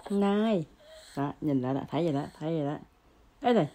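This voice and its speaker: A woman's voice: low voice, lively intonation, fast, mellow. A woman in a home vlog talking to her baby son in teasing, playful baby talk, repeating her words. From Vietnam.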